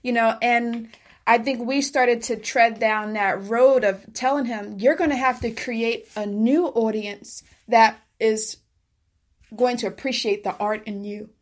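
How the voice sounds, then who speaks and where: Female host, a touch high-pitched, warmly affirming guest in casual interview. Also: fairly even intonation, measured pace. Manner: affirming, encouraging, frequent "yes" and "that's so good". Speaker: podcast host.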